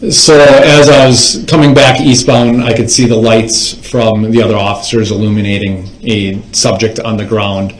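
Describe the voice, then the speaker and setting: An echoey courtroom carries the fairly low voice of a man on the witness stand. He is a police officer giving testimony in formal, procedural phrasing, measured and factual. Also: steady tone. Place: indoors in a courtroom.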